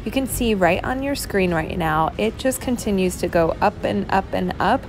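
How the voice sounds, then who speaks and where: Woman, voice-over narration, friendly tour guide manner, mid pitch, music under. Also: lively intonation, normal speed. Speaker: vlog co-host narrating.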